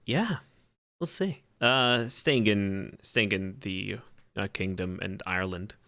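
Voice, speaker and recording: A man's voice: on the low side, slow pace, creaky, pushed and bright, no echo, clean studio sound. A man co-hosting a casual football podcast, chatting along with fillers and repeated words. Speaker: podcast co-host. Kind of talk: casual chat.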